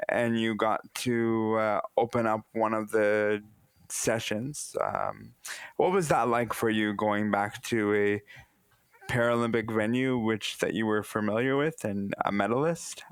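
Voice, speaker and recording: Low-voiced Canadian male host. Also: lively intonation, measured pace, clean tone, no room sound. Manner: friendly, conversational questioning. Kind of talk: interview questions.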